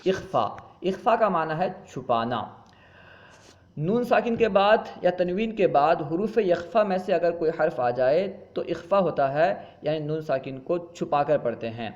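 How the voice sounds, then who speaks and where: A man teaches a Quran recitation lesson, explaining rules patiently. His voice sits a little high, and he stretches out the Arabic example words in a slow chant. The recording sounds dull and muffled. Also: a little mellow.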